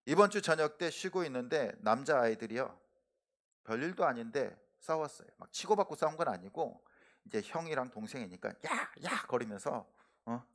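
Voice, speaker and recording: A middle-aged male pastor giving a sermon in a church, preaching earnestly, pressing his points hard and letting his sentence endings fall soft. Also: mid-range voice, expressive, brisk. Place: church sanctuary.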